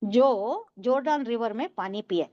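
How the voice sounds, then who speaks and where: A woman's voice: on the high side, dry recording, dull audio. A woman teaching a Quran tafseer lesson, going through the Arabic word by word and quizzing her listeners as she explains.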